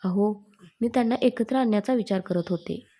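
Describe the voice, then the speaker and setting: A woman's voice: mid-range voice, moderate pace, mellow, lightly acted. A woman voicing a loving, playful young bride-to-be with a coaxing manner. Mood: tender.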